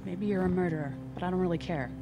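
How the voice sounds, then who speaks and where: An actress with an American accent playing a blunt, suspicious young reporter in a video game, confrontational in manner. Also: female voice, lowish voice, fast, natural voice. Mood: accusing. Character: blunt, pragmatic, suspicious female news reporter. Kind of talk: dramatic video game acting.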